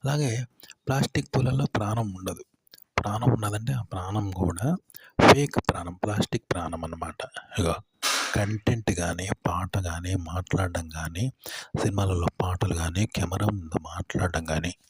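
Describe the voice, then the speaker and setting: A man gives a talk-to-camera lesson in a fairly low voice. He repeats himself, lists words one after another and keeps asking rhetorical questions. A faint hiss and a few clicks sit under the recording. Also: moderate pace. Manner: repetitive, rhetorical questions, listing word after word. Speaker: YouTube tips presenter.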